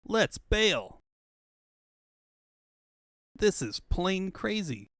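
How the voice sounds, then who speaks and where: A man's voice: high voice, very animated, extremely slow, a bit bright, no echo, studio quality, pitched above the performer's own voice, exaggerated voice. A man voicing a cocky young male hedgehog hero with quippy, breezy banter in a comic book fandub. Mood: breezy, wisecracking.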